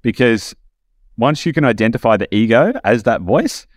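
A man's voice: mid-range voice, animated, moderate pace, no echo. Male podcast host, casual conversation, reflective, enthusiastic, dry close sound. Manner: reflective, enthusiastic, rambling with restarts.

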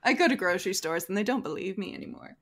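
Enthusiastic Canadian actress guest. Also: female voice, medium pitch, animated, fast, a bit bright. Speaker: guest, stage actor. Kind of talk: casual interview.

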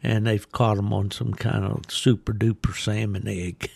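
Older man, American, creaky gravelly voice, folksy podcast host, casual rambling chat, dry close sound. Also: fairly low pitch, flat delivery, measured pace, a little mellow, dry recording. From West Virginia, United States. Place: at home in a hot room he calls a sauna, fan and ice bucket.

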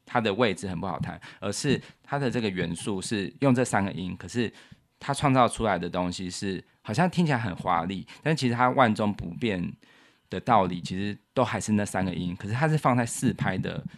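Low gravelly man explaining music. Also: lively intonation, a little fast. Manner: patient, step-by-step, counts beats aloud. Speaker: host, musician explaining his composition. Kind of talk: casual explanatory chat.

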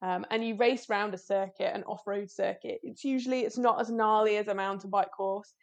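Here a cyclist appears as an interview guest, her mid-range voice fairly even, quick and creaky. Her talk is casual and self-mocking, full of laughter and frequent restarts.

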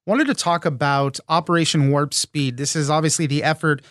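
A man's voice: fairly high pitch, fairly even intonation, fairly quick, a bit bright, no room sound. American man hosting a news podcast, close and dry. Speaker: podcast host. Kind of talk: scripted news podcast introduction and interview.

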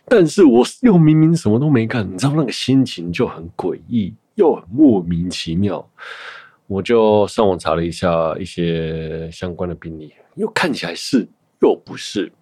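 Deep-voiced man in rambling casual chat. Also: animated, moderate pace, warm tone, breathy edge, no room sound, studio quality. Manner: rambling, self-correcting storytelling. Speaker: podcast host.

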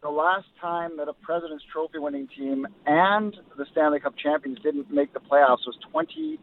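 A man's voice: a little high, expressive, normal speed, a little hiss or hum. A man calling in from his car as a hockey insider, giving thoughtful, hedged analysis with many ums. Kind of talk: phone-in sports analysis. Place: car while driving. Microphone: phone. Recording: tinny phone line.

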